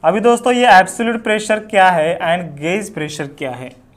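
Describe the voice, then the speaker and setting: High-voiced Indian man teaching physics. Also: lively intonation, moderate pace. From Maharashtra, India. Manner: addresses students as friends, mixes English into Hindi, asks and answers himself. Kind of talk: whiteboard physics lesson.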